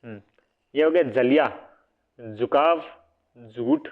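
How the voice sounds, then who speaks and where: A Hindi grammar teacher, a man with a medium-pitched, lively voice, gives a casual, slow-paced spelling lesson for exam prep. He repeats each word, quizzes listeners with "what will it be?", corrects himself at times, and adds casual asides. The audio is narrow-band, like a phone call.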